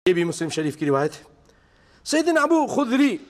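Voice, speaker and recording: A man's voice: high-pitched, very animated. A man preaching a sermon to a seated congregation, reciting Arabic passages and then explaining them in vivid storytelling. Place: mosque hall with seated congregation. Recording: long echoey hall reverb.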